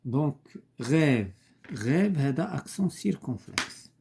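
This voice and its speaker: A man teaching a primary-school French lesson, saying each word slowly and repeating it, then explaining in dialect. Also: fairly high pitch, lively intonation, gravelly, background noise.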